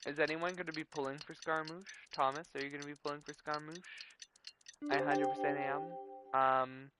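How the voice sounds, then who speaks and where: A man's voice: fairly high pitch, little pitch movement, a little fast, background noise. A man giving casual, enthusiastic commentary while he streams a video game, chatty and sometimes swearing.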